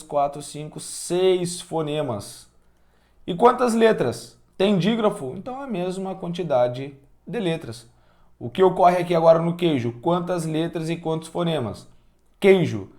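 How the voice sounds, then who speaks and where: Upbeat Brazilian teacher, higher voice. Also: male voice. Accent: Brazilian Portuguese. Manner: energetic, asks the class questions and counts out loud. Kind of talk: online class lecture.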